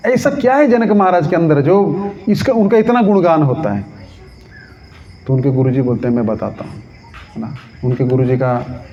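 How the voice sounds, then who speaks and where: A man giving a devotional scripture talk, telling stories lively, acting out voices and asking his listeners questions. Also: a little high. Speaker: Gita lecturer. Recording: dull lo-fi recording.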